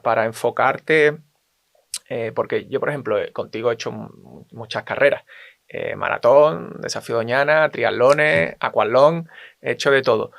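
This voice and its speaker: A man from Spain hosting a podcast who asks long, halting questions full of restarts. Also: mid-range voice, creaky, fairly bright tone, dry recording, studio quality. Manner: hesitant, many fillers and restarts. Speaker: podcast host. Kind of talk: interview questions.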